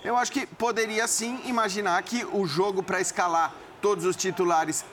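A man giving measured football analysis in long qualified sentences. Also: sits high, steady tone, a bit bright, slight background noise. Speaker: football pundit. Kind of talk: studio football debate.

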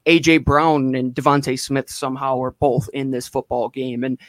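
A man co-hosts a sports podcast in a casual, emphatic way. He delivers strong opinions with animated energy. His voice sits in a middle pitch, recorded dry with no room sound. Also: moderate pace, no room sound. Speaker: podcast co-host.

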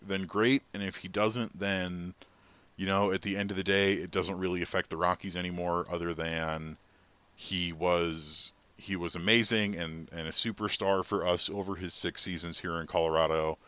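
A man's voice: sits low, bright, forceful tone, clear, resonant tone, no echo. A man talking earnestly on a sports podcast, rambling a little with restarts. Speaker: podcast co-host. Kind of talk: casual sports podcast chat.

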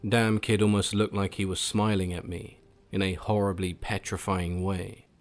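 A man narrating a first-person horror story in a grim, hushed storytelling manner. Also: sits low, little pitch movement, moderate pace. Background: music.

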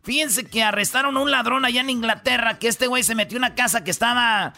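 A man's voice: very high-pitched, fast, pushed and bright. A man hosting a comedic radio countdown, joking and bantering loosely in slangy talk. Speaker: radio show host.

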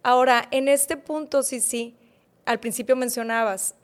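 A young woman hosting a podcast, her voice sitting a touch higher than most. She backs her guest with quick affirmations and asks open, searching questions. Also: fairly even intonation. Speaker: podcast host. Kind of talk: conversational interview.

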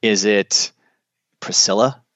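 A man, a performance coach and author, talking as a podcast guest in a quick, jokey, conversational way. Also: lowish voice, fairly even intonation, fairly bright tone, no room sound.

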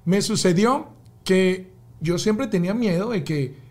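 A man, a father and podcast guest, telling a personal story in an emphatic, animated way, acting out the shouts he describes. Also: high voice, a little slow. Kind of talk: conversational storytelling.

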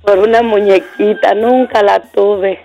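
A middle-aged woman sharing a childhood memory on a radio show, soft and wistful. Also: medium pitch, steady tone, measured pace, highs cut off, soft background music. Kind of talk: storytelling on air.

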